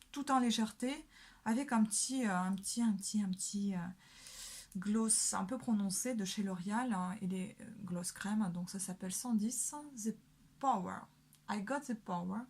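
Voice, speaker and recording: A young woman chatting casually while doing her makeup, full of hesitations and fillers. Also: mid-range voice. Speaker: beauty vlogger.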